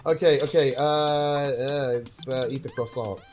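A woman hosting a casual group gaming session, animated and given to mock voices. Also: rumbling low, a little slow, music in the background. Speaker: let's play host and reader.

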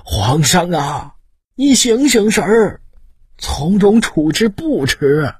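A man reading an audiobook, voicing a frantic older court adviser who shouts and pleads in slow, urgent words. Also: high-pitched, sing-song, slightly rough, no echo, clean studio sound, voice pushed up, full character voice. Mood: tearful pleading.

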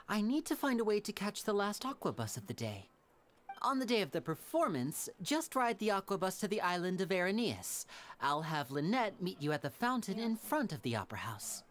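A man voicing a smooth, teasing young male stage magician in a game, gentle and polished. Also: high-pitched, sing-song, normal speed, a little hiss or hum. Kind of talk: game voice acting.

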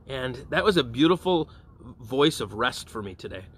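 In an informal evening prayer reflection, a parish priest speaks at a moderate pace in a medium-pitched, sing-song voice that is fairly bright and slightly rough. He keeps it conversational, often checking in with listeners by asking "okay?" and "all right?"

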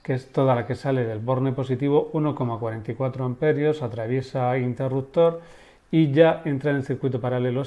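A man with a warm, mid-range voice teaches electrical circuits step by step over a screen recording. His technical lesson has some fillers and restarts.

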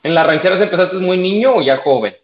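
A man's voice: sits high, animated, quick pace. A man hosting a live-stream interview, reading out viewer questions and giving short reactions. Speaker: host. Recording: roomy, dull remote audio.

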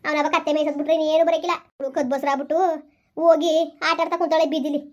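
A woman's voice: high voice, level tone, rapid-fire, muffled recording, natural voice. A woman playing a weary, lamenting village mother-in-law. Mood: bitter, despairing. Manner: lamenting, repeats her complaints. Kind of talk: village family drama.

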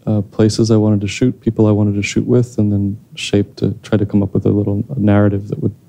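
A man's voice: on the low side, completely flat delivery, fairly quick, gravelly, dark tone. A man in his thirties answering audience questions after a screening, speaking into a handheld mic on a theater stage, thoughtful and hesitant with many restarts. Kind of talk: post-screening Q&A.

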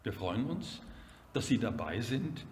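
An older man, the gallery owner, reciting spring poems in a measured, lilting way. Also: a little hiss or hum. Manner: measured, lilting, with lively pitch. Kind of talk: slow, expressive poetry recitation. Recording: long hall reverb.

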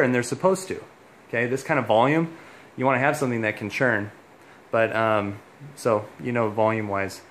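A man's voice: mid-range voice, fairly bright tone, slight background noise. A man who installs heating and cooling, giving a casual hands-on walkthrough indoors in a home, explaining as he goes with plenty of fillers.

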